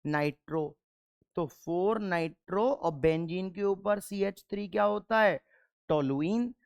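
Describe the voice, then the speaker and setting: A man's voice: high voice, unhurried, vocal fry, dry recording, clean studio sound. A male chemistry teacher giving a classroom lecture. He keeps asking rhetorical questions and answering them himself, and he repeats key answers patiently so the class can drill them.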